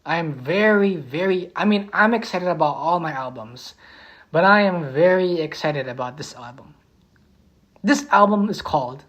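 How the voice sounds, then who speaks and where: A beatboxer and musician chatting casually on a livestream, repeating titles slowly and humming melodies. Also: medium pitch.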